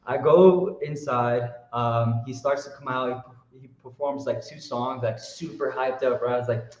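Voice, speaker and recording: A man telling a story in loose, slang-heavy talk, full of fillers and bursts of excitement. His voice sits in an ordinary middle register. The sound is roomy and a little dull, like a lo-fi recording in an echoey space. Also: mid-range voice. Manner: animated, slangy, lots of fillers. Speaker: guest artist. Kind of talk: casual storytelling interview.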